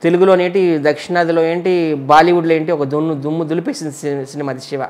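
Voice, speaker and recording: A man from Andhra Pradesh, an entertainer, chatting casually in an interview and giving blunt, quick one-line verdicts. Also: a little high, little pitch movement, a little mellow.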